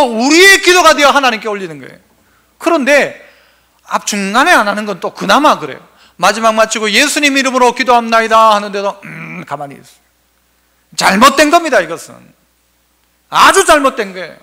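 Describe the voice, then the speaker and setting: A man's voice: very high voice, sharp tone. A male pastor preaching a sermon, asking the congregation questions and answering them himself.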